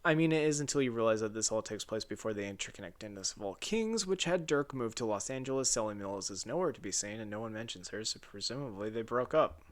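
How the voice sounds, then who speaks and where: A man's voice: on the low side, animated, fast talker, few pauses. A man reading his own video essay script raw and unedited, casual and wry, swearing and restarting flubbed lines.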